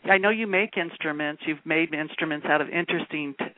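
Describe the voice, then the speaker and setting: High-pitched male interviewer, friendly prompts, thin phone-like audio. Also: brisk, dry recording. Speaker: radio host. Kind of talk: radio interview. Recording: tinny phone-like radio audio.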